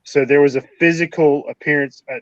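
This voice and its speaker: A man's voice: on the high side, steady tone, no echo, highs cut off. A man co-hosting a casual movie review podcast, chiming in to correct facts and give opinions. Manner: corrects facts, quick interjections. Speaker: podcast co-host.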